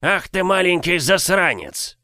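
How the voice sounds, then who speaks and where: A man doing a squeaky-voiced giant brute. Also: expressive, bright, forceful tone, clean tone, dry recording, clean studio sound, exaggerated voice. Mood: indignant. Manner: slow, indignant barking. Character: huge brutish male warrior with squeaky voice.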